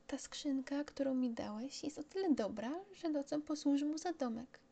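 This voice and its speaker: A woman voicing a small, gentle, curious boy prince from another planet, asking innocent, wondering questions. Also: high voice, moderate pace, creaky, voice pushed up. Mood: earnest, thoughtful.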